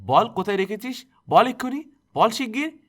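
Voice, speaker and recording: Man doing a domineering older village woman, shrill scolding, high pitch, loud, lively swings. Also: fairly quick. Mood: furious.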